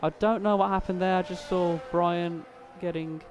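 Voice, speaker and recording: A weary man with a fairly high voice commentates a sim race in a loose, chatty way, talking straight to drivers and viewers. His stream mic carries a clear layer of noise behind him. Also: steady tone, normal speed. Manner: laid-back, chatty, addresses viewers and drivers directly. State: tired. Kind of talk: live sim racing commentary.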